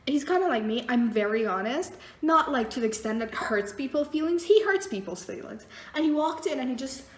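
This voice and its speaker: A young woman casually telling a story as a vlogger, animated and blunt, swearing freely. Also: high voice, brisk. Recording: echoey room.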